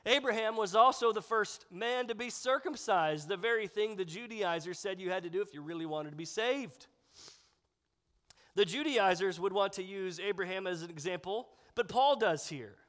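Preaching from the sanctuary, this pastor speaks at normal speed in a voice that sits high and has a fairly bright quality. He's clearly stuffed up and nasal from sinus trouble, keeping things casual with filler words, while the hall's long reverb trails behind him.

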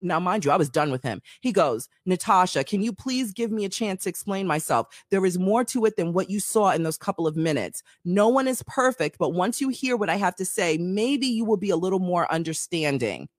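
Animated woman acting out dialogue. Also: fairly low pitch, a little fast, few pauses, no echo, clean studio sound. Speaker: podcast co-host telling a personal story. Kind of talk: casual chat.

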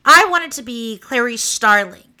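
Bright-voiced woman with an Okie accent. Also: fairly high pitch, expressive, a little slow. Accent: Oklahoma (Okie). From Oklahoma, United States. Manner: candid, informal, wry. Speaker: podcast host. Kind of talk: conversational personal monologue for a true crime podcast.

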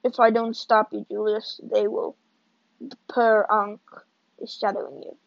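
A woman reading aloud and voicing a stern man in a trench coat who speaks in an even, insistent way. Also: mid-range voice, measured pace, vocal fry, no room sound, lo-fi sound.

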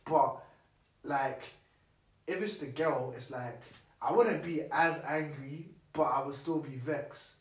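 A young man with a London roadman accent talks in a fairly high voice, blunt and full of slang. He chats casually in an echoey room, a little far from the mic. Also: slow. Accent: London roadman, urban slang. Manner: slangy, blunt, animated street banter. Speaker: podcast co-host. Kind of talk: casual chat.

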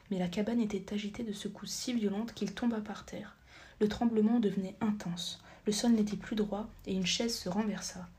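Woman narrating in a soft half-whisper. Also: medium pitch. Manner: soft, half-whispered, occasional slips and corrections. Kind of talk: whispered audiobook reading.

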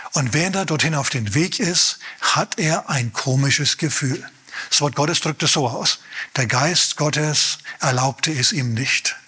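Husky storytelling preacher man. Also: on the high side, sharp tone. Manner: storytelling preacher, emphatic repetition, calls for amen. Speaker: pastor. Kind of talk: sermon.

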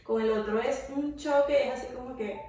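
High-voiced woman in an echoey room. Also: normal speed. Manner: animated, acts out quotes. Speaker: co-host. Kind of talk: casual chat. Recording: echoey room, far from mic, with music.

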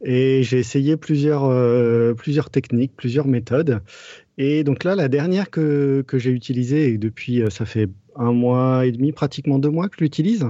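A man's voice: medium pitch, moderate pace, warm tone, dry recording, muffled recording. A man co-hosting a casual podcast, explaining a topic step by step with frequent hesitations and repeated words. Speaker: podcast co-host.

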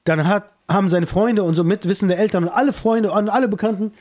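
A man hosting a casual podcast chat, telling animated stories and acting out quotes. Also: high-pitched, quick pace. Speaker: podcast host.

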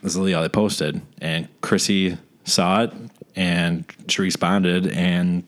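A man's voice: sits low, little pitch movement, slow pace. A man co-hosting a podcast in casual chat, easygoing and storytelling, often searching for the right words. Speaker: podcast co-host.

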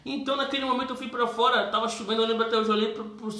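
Bright-voiced Brazilian man telling a testimony. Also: extremely high pitch, rapid-fire. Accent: Brazilian Portuguese. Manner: animated, acts out voices, addresses listeners as brothers. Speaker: storyteller giving testimony. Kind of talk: casual testimony storytelling. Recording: roomy echo.

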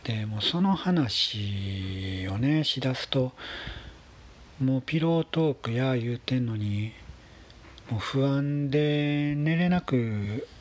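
A man with a husky voice, telling a story in a casual, polite monologue with gentle pauses. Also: medium pitch, expressive. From Kansai, Japan. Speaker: solo talk show host.

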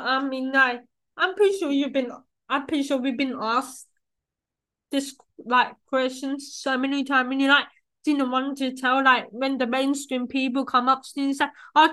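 A woman's voice: high-pitched, pushed and bright, poor audio. A young woman hosting a podcast in casual conversation, rambling with lots of "like" and restarts. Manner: rambling, heavy use of "like" and restarts. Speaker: podcast host.

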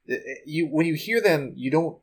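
A man co-hosting a podcast, chatting casually and playfully, reacting quickly to his partner. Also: on the high side, lively intonation, slightly rough. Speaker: podcast co-host. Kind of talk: casual chat.

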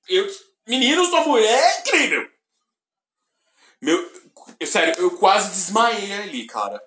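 A man with a deep voice, co-hosting a podcast and telling stories with excitement and sudden shouted bursts. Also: a little slow, a little hiss or hum. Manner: excited storytelling, bursts of shouting when retelling. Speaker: podcast co-host. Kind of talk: casual chat. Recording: roomy echoey room.

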